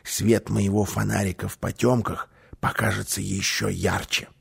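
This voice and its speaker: A man voicing Karlsson, a boastful, mischievous little man who talks loudly and bosses others around in a storybook reading. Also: medium pitch, normal speed, gravelly, slightly rough, full character voice. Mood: hushed scheming. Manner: loud, excitable, commanding.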